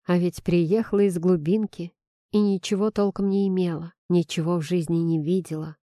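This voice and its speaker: A woman voicing a stern middle-aged father who speaks in a low, measured, weary way. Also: steady tone, mellow, no room sound, clean studio sound, natural voice. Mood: grim.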